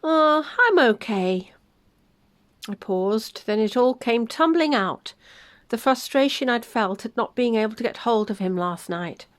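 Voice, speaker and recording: Woman gently reading her story. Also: on the high side, moderate pace. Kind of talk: first-person story reading.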